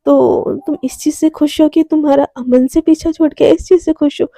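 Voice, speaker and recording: A woman voicing a calm young college woman, the top student, who speaks quietly and asks questions. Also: high-pitched, moderate pace, dry recording, clean studio sound.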